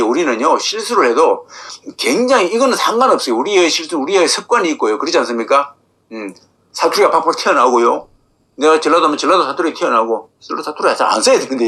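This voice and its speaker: A man's voice: on the high side, sharp tone. A man preaching a sermon as pastor, asking his congregation rhetorical questions.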